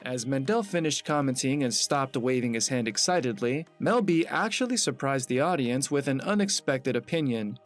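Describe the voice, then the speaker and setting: A man giving a scripted narration in an even, steady reading voice. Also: medium pitch, moderate pace, few pauses, soft background music.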